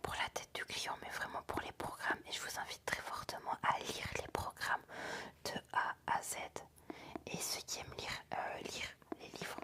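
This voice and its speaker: A tired woman whispering intimately, right in the listener's ear, as she hosts a relaxed ASMR livestream chat. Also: normal speed. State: tired, sleepy.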